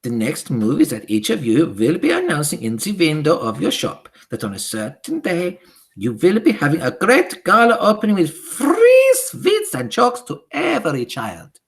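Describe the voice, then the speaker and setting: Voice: mid-range voice, wildly swooping pitch, normal speed, gravelly, pitched above the performer's own voice. A reader voicing a tiny, furious female witch leader who screeches and speaks with odd foreign-sounding grammar, in an audiobook. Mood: commanding. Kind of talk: audiobook character voice.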